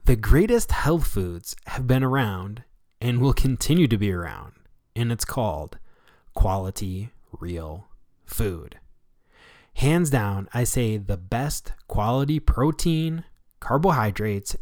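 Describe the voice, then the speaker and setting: A man's voice: mid-range voice, a little mellow, dry recording, studio quality. An American man hosting a scripted solo health talk show, with an emphatic, instructive delivery. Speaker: radio show host.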